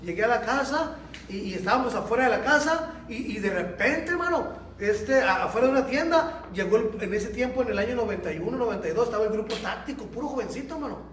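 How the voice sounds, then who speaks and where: Male pastor, lively storyteller, echoey hall sound with faint background noise. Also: extremely high pitch, quick pace. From Mexico. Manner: animated storytelling, speaks straight to the congregation. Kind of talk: Sunday school sermon. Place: church hall. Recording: echoey church room, mic at a distance.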